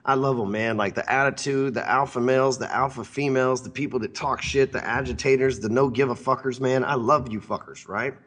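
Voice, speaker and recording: Guy in his 30s running a sales podcast, loud mouthed and swearing a lot, just rambling on. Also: medium pitch, fairly even intonation, a little fast, few pauses. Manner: brash, profane, rambling. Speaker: podcast host. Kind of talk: casual profane podcast talk.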